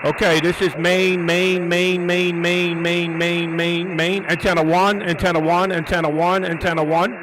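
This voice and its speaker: A man's voice: high voice, little pitch movement, a little slow, hardly any pauses, a crowd in the background. A man working as an amateur radio operator, making live contacts and antenna tests, repeating words and call signs methodically.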